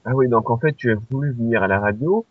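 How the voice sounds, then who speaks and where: A man's voice: mid-range voice, fast talker, slightly rough, no echo. A man co-hosting an amateur radio show, asking playful, nitpicking questions. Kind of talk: casual interview. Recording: dry, dull lo-fi audio.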